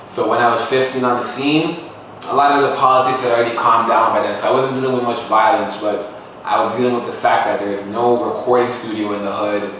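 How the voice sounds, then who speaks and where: Speaking briskly at a medium pitch, this young musician and poet from Toronto, Canada keeps a fairly even, slightly bright tone as he talks about his life on a podcast. He's earnest and reflective, with loose street-casual wording. There's a little hiss or hum, and the echoey room leaves his voice distant from the mic.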